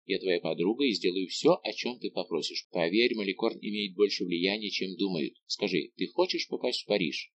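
A man's voice: low voice, moderate pace, hardly any pauses, muffled recording, lightly acted. A man reading an insistent, commanding young woman who teases her friend in an audiobook. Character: lively bossy young woman, a teasing friend.

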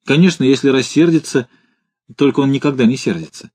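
A man voicing a timid, gentle male commandant who reads forms and speaks softly of his creature. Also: medium pitch, brisk, natural voice. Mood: tender. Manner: timid, mild, tender.

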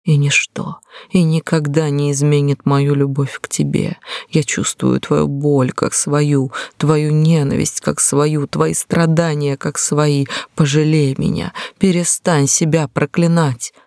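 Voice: mid-range voice, flat delivery, slow pace, gravelly, darkish tone, no room sound, studio quality. Reader voicing a passionate, pleading young heroine. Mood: tender. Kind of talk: audiobook reading.

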